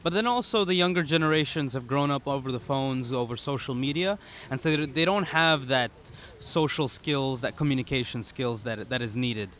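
A young man, a startup founder being interviewed on a podcast, talking in a relaxed way with many "you know"s. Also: mid-range voice, moderate pace, hardly any pauses, a little hiss or hum. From Serbia, raised in the UAE. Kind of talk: casual interview. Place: pop-up studio at a conference.

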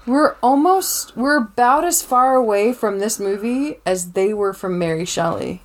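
Playful woman cohost, teases a lot, voice kinda high and bouncy. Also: lively intonation, measured pace. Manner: teasing, playful, swears casually. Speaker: podcast co-host. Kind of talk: casual chat.

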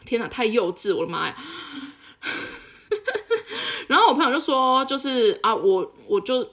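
A young woman, co-hosting a casual podcast and telling a story in a lively way, laughing often. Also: a little high, moderate pace. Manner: animated, laughs often while telling stories. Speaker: podcast co-host.

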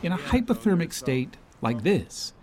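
A man's voice: a little high, big pitch swings, normal speed, background noise. A man narrating a scripted television news feature as a correspondent.

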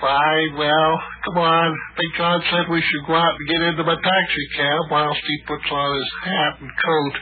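A man's voice: on the high side, little pitch movement, normal speed, few pauses, phone-quality sound, natural voice. A middle-aged man playing a kindly taxi driver and inventor in an old radio play, folksy and hesitant. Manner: folksy, hesitant, calls the boy lad. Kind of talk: 1950s radio acting.

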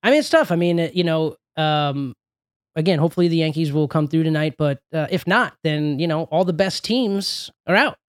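A man co-hosting a podcast in casual banter, animated and swearing freely, with lots of fillers. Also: on the high side, a little fast, clear, resonant tone, dry recording, studio quality. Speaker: podcast co-host.

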